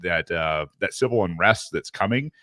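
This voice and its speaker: Deep-voiced podcast host, dry sound. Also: male voice, lively intonation, moderate pace, bright, forceful tone, no room sound. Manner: meandering, filler-heavy questions. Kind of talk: podcast interview.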